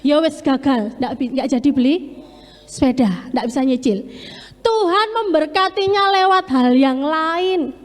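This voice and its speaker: In a church hall whose long reverb makes the recording echoey, a woman lay preacher offers an earnest, emphatic testimony in a sermon. She speaks at a measured pace in a high-pitched voice and mixes in Javanese words.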